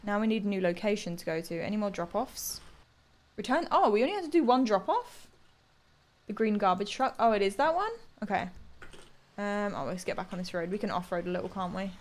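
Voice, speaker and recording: A woman's voice: mid-range voice, expressive, a little fast. A young woman with an English accent, chatting and thinking aloud as she streams a video game from a close desk mic. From England. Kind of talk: casual live gameplay commentary. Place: small room at home. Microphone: close desk microphone.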